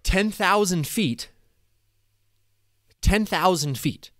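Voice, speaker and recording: A man in his thirties giving a casual, excited commentary over a replay of his own flight, at a desk microphone in a small room. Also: high voice, extremely slow, no room sound, studio quality. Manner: enthusiastic, casual, swears when excited. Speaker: paragliding vlogger. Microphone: desk microphone in front.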